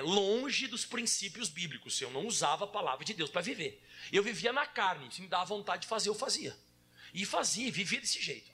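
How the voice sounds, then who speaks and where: A Brazilian man preaching a sermon as pastor, emphatic and storytelling, now and then shouting. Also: high-pitched, a little hiss or hum. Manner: emphatic, storytelling with acted quotes and rising shouts.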